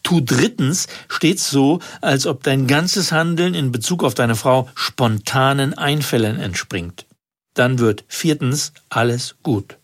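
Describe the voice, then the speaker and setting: A man's voice: mid-range voice, slow pace. Man reading a wry story aloud. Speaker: author reading his own story. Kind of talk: scripted humorous story reading. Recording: radio studio.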